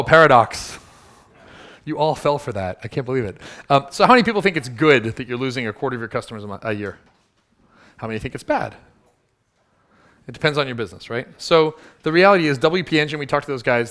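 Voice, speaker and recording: A man's voice: medium pitch, a bit bright. A man giving a live workshop talk to an audience, punchy and teasing, quizzing the room with show-of-hands questions. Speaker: workshop speaker.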